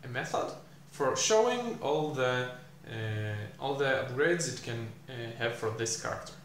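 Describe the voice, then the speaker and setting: Slow, thinking-aloud young man coding. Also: mid-range voice, animated, a bit bright. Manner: thinking aloud, many fillers and pauses. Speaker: programming tutor. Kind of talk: live coding explanation. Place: small room indoors. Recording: echoey room, faint hiss.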